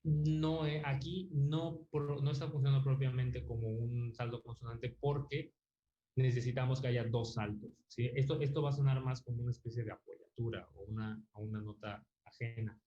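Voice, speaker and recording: Explaining music theory to an online class at normal speed, a man speaks with a warm, medium-pitched voice and fairly even intonation. He's patient, thinks aloud with fillers, and checks in often with tag questions, captured in dull, roomy lo-fi audio.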